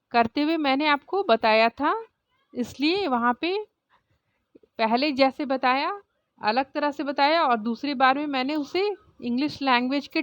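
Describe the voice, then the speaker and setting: A woman teacher with an Indian accent slowly spelling out and repeating English words for children, mixing in Hindi explanations. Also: high voice. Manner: slow, deliberate spelling out of words letter by letter. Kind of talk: phonics reading lesson for children. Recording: dull lo-fi sound.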